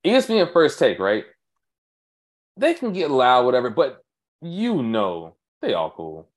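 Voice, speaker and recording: A man in easy sports banter, his pitch moving a lot as he talks. He speaks in slang and keeps it loose, sometimes putting on other people's voices. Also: measured pace. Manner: animated, slangy, imitates others in a high voice. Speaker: podcast co-host. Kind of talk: casual sports chat.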